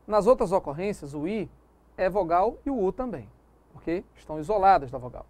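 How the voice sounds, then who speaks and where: A woman's voice: fairly low pitch, lively intonation, a little fast, a little mellow. A woman teaching a recorded grammar lesson, explaining step by step and often checking that the viewer follows. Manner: didactic, checks understanding with tag questions. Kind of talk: recorded video lesson on phonetics.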